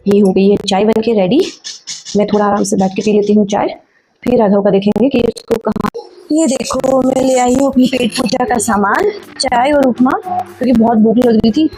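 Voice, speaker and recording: High-voiced chatty young woman vlogger. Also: steady tone, moderate pace, warm tone, faint music behind, low-quality recording. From Rajasthan, India. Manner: chatty, rambling, talks straight to viewers. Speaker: vlogger and mother. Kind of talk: casual daily-life vlog narration. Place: at home, indoors.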